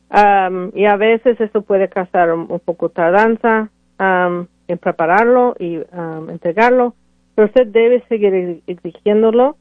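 A woman immigration lawyer answers callers on a radio call-in show, sounding hesitant, with many fillers and restarts. Her mid-range voice comes through tinny, phone-like radio audio that is dry.

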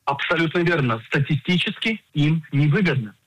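A man in his forties, an insurance agent and financial planner, explaining coverage in a radio interview in a measured way with frequent hesitations. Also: fairly high pitch, animated, fairly bright tone, dry recording, low-quality recording.

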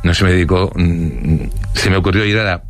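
Low-voiced man from Barcelona, halting storyteller. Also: no room sound, soft background music. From Barcelona, Spain. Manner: hesitant, many fillers and restarts, chuckles while telling. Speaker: interviewee. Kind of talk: recounting life stories.

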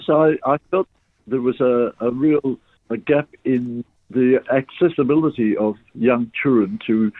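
An older man from Sri Lanka, an orchestra conductor, answering radio interview questions in a halting way with many pauses and restarts. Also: mid-range voice, breathy edge, no echo. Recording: tinny phone line.

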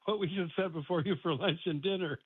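A man's voice: sits high, husky, dry recording. A man in his seventies calling in to a radio show over the phone, friendly and chuckling, with hesitant fillers. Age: 70s. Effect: calling in over a phone line. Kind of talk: casual call-in chat. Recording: tinny phone line.

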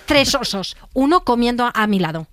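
A woman co-hosting a talk show, chatty and quick to laugh. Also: on the high side, very animated, fairly bright tone, dry recording. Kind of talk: casual chat.

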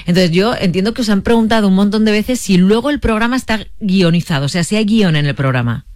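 A woman's voice: medium pitch, quick pace, a little mellow, no echo. Curious female host, dry sound. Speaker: radio host. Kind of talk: interview questions.

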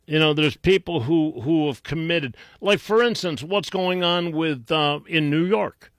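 Halting man with a gravelly voice. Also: fairly high pitch, no echo. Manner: halting, searching for words. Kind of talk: casual radio talk.

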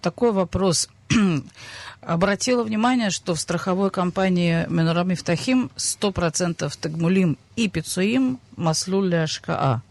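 A radio host taking callers and reading out listener questions, polite and brisk. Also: male voice, sits high, gravelly, no room sound. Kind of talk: hosting a call-in show.

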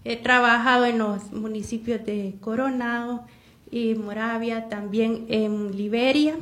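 A woman's voice: a little high, echoey room. A woman from Honduras hosting a radio talk show from a studio booth, speaking with frequent fillers and restarts. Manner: hesitant, many fillers and restarts. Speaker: radio host.

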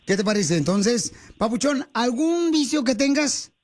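A man's voice: very high-pitched, animated, a little slow. A man hosting a radio call-in show, teasing his callers and calling them by playful nicknames. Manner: teasing, affectionate nicknames, jokey.

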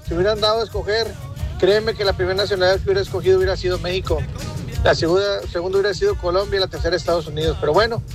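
A man's voice: sits high, steady tone, rapid-fire, over music. A man with a Mexican accent, calling into a radio show and speaking in a slangy, chummy way. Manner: slangy, chummy, keeps saying "carnal". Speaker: caller.

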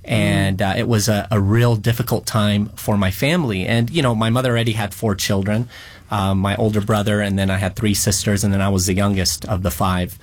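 A man's voice: lowish voice, level tone, brisk. A man in his forties, a radio interview guest, tells his life story earnestly with touches of light humor.

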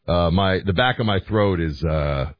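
Hoarse, low-voiced American radio host. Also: male voice, lively intonation, unhurried. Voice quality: hoarse, scratchy throat. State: hoarse from staying up late talking. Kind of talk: conversational political commentary with listener calls. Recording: roomy echo, slightly dull audio.

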